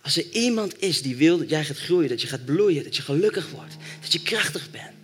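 A man delivering a sermon, his voice pitched high and bright. He tells the story with lively energy and then urges the listeners on with growing fervor. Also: brisk, slightly rough. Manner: storytelling, rising to fervent exhortation. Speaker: preacher.

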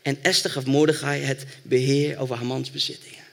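A man's voice: mid-range voice, little pitch movement, fairly quick, gravelly, a bit bright. A man preaching a sermon, retelling a Bible story and building to fervent exhortation.

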